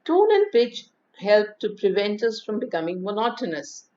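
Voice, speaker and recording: A woman giving a lecture on speaking, who shows pitch and emphasis with her own voice. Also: big pitch swings, warm tone. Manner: demonstrates pitch and emphasis, reads rhymes slowly and expressively. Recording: dull lo-fi audio.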